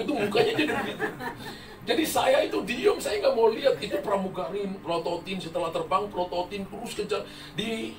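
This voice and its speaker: High-voiced pastor preaching with laughter. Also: male voice. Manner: humorous storytelling, laughing often. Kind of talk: sermon. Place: church hall. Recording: roomy echo from far mic, music. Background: music.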